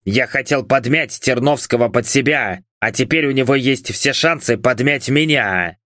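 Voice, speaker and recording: A hoarse, drunken nobleman who speaks slowly and menacingly, voiced by a man. His lines sound cold and commanding. The audiobook sound is dry and close to the mic. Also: medium pitch, a bit bright, no echo, lightly acted. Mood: furious. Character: hoarse drunken angry middle-aged male baron.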